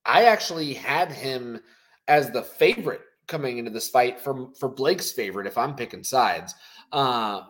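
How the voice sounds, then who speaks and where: A man co-hosting a casual post-fight show, talking in an animated, rambling way with many fillers. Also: mid-range voice. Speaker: co-host.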